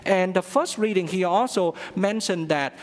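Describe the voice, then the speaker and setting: A middle-aged man, a priest, giving a sermon at the altar with a slow, halting delivery full of fillers. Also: high voice. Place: large church sanctuary at the altar. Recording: long church reverb.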